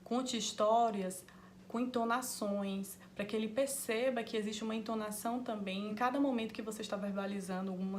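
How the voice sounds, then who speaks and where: A woman with a Brazilian Portuguese accent, hosting a parenting channel and calmly explaining tips to parents straight to camera. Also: medium pitch, slight background noise. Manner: calm, directly advising parents.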